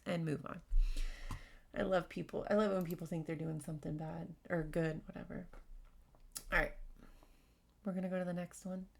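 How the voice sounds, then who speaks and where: A woman hosting a casual advice podcast, talking fast and candidly while she reads out workplace stories and comments. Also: lowish voice, fairly even intonation, vocal fry. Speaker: podcast host.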